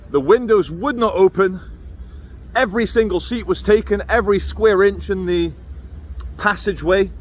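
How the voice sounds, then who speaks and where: A man in his thirties or forties giving an intense, rambling opinion monologue to camera, with a slight whistle on his "sh" sounds. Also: sits high. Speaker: vlogger. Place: busy open city square outdoors. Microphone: phone at arm's length. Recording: noisy outdoor city ambience with traffic.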